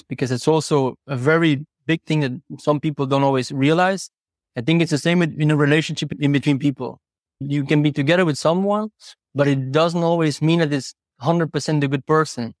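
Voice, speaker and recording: A man whose voice sits on the high side speaks as a podcast guest; he's a horse trainer and not a native English speaker. Reflective and earnest, he unpacks his ideas through personal stories and rhetorical questions, recorded in studio quality with no room sound.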